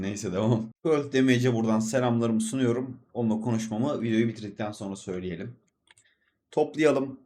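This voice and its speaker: A man's voice: mid-range voice, darkish tone. A young man casually commenting over his gameplay, rambling and chatty as he talks straight to his viewers. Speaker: gaming video host and streamer.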